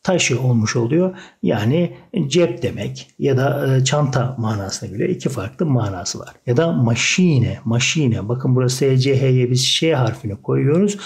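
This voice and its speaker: A man teaching a German lesson, patiently explaining and repeating each example word slowly. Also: mid-range voice, animated, vocal fry, darkish tone. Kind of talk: online language lesson.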